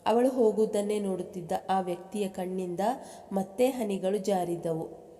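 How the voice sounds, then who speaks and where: A woman reads a love story aloud as narrator, giving each character's quoted lines in her own voice. Her tone is mellow and dark. A long reverb trails behind her words. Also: medium pitch, normal speed. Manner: reads aloud at an even pace, dropping into the characters' speech for quotes.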